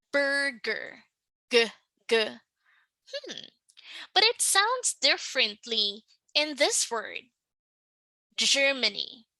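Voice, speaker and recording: A woman teaching English pronunciation in a slow, patient lesson, often checking in with the listener. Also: high voice, pushed and bright, no room sound, poor audio. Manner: patient, checks in with "right?" and "okay?".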